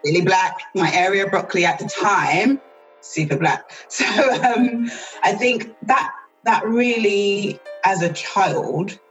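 A woman, a guest on an interview podcast. She talks in a relaxed, chatty and thoughtful way and laughs often. Faint music runs underneath her voice. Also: mid-range voice, slow, poor audio. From South East London, England. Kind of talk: casual interview chat.

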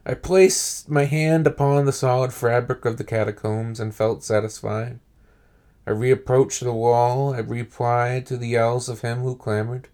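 A man hosting a podcast, reading a horror story aloud with deliberate, measured phrasing and pauses. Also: mid-range voice, a little mellow. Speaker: podcast host and reader.

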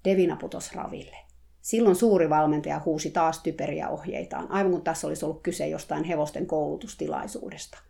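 A woman reading a first-person story aloud in a calm, measured way. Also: sits low, gravelly. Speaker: narrator.

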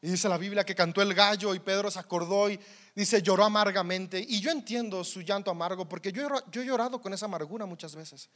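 A man's voice: high voice, fast talker, a bit bright. A man with a Mexican accent preaching a sermon in a conversational, humorous way, often repeating words as he goes.

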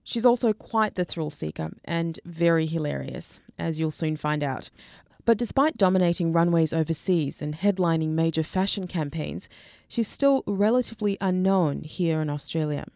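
A woman host reads a scripted podcast introduction at a steady, measured pace. Her voice is slightly low for a woman. The sound is dry and close, with no room around it. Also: gravelly, no echo. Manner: measured, read-aloud introduction. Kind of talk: scripted narration.

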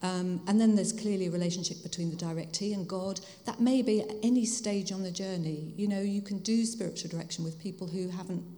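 A mature woman with a Home Counties accent from southern England talks in a reflective, explanatory way as a guest speaker. Her voice is fairly low and soft-edged, with a dark, mellow tone. It rings with the long reverb of a large hall. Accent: Home Counties English. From Hertfordshire, England. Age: 50s or older. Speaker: guest speaker, spiritual director. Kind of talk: conversational interview talk to a church audience.

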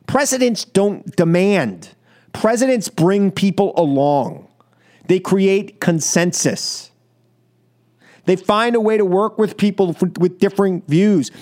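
A high-voiced, slightly mellow American man hosts a political radio talk show. His opinions come as an emphatic, scolding monologue built from short phrases he repeats for force.

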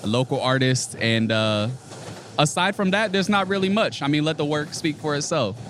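A man's voice: a little high, expressive, moderate pace, fairly bright tone, slight background noise. A man from Virginia, a muralist, talking casually and modestly about his work in an interview. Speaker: muralist guest.

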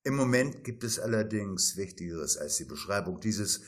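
A man's voice: fairly low pitch, animated, moderate pace. A man narrating a satirical story in a dry, ironic tone, reading every part himself.

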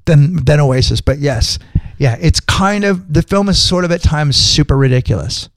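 A man co-hosts a casual chat in a fairly high voice. He rambles and restarts, with lots of quick agreement. The recording is dry and close. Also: expressive, no echo. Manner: rambling, restarts, frequent "right". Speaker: podcast co-host.

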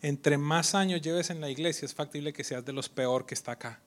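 A man preaching a sermon as pastor, swinging from loud, animated delivery to hushed near-whispers and mocking imitations of others. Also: on the high side, fairly quick. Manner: acts out quoted voices mockingly.

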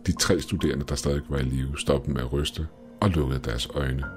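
Steady, measured male horror narrator with an extremely low voice, faint music underneath. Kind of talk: first-person horror story narration.

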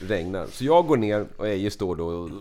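A man's voice: lowish voice, animated, warm tone. A man telling a funny travel story in casual chat, acting out the quotes with big swings in his voice. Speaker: podcast host.

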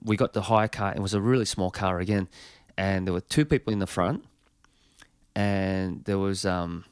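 A man's voice: lowish voice, clear, resonant tone, no room sound, studio quality. A touring musician, a man, telling a long anecdote with a rambling manner full of fillers and restarts.

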